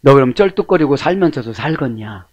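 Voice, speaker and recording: A man voicing a stern divine wrestler who lets his opponent win but leaves a wound, speaking in a low, hushed, teasing voice. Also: lively intonation, fairly quick, close to an everyday voice. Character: divine wrestler granting defeat, stern, old.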